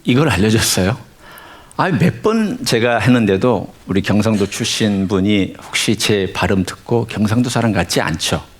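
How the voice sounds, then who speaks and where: A man's voice: fairly low pitch, expressive, normal speed, husky. A male pastor reads scripture and then preaches, talking in a chatty way and putting questions to his congregation. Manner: conversational, asks the congregation questions. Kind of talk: sermon with scripture reading. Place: church sanctuary.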